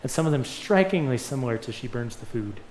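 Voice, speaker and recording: A man's voice: mid-range voice, animated, fairly quick, a little mellow, slight background noise. A young man preaching a sermon in a church, earnest and emphatic, his voice swelling on key points. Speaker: pastor. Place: church sanctuary. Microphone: lectern mic. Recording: echoey church room.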